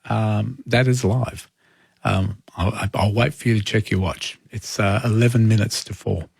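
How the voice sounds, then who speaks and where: A man's voice: on the low side, steady tone, a little slow, vocal fry, a little mellow, slightly rough, no room sound. A man with an Australian accent hosting a live overnight phone-in, chatting in a hesitant, conversational way. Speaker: overnight talk radio host. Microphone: close studio microphone.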